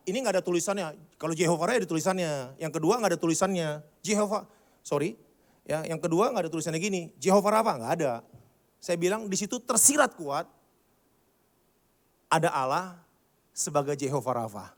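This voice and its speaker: A male pastor preaching a sermon at a church service, telling stories in a conversational way and putting questions and jokes to the congregation. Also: fairly high pitch.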